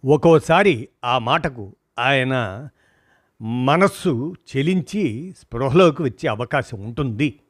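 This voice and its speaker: A man voicing a middle-aged hospital doctor who gives steady, firm instructions to a worried family. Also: mid-range voice, takes it slowly, pauses often, no echo, studio quality. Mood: calm, directing.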